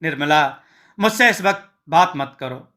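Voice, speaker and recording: A meek, downtrodden street vendor pleads in a high, bright voice, as a man voices him. He speaks humbly. This is a storybook tale voice. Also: expressive, measured pace. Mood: downcast. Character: meek, poor male street-food vendor, trusting in God.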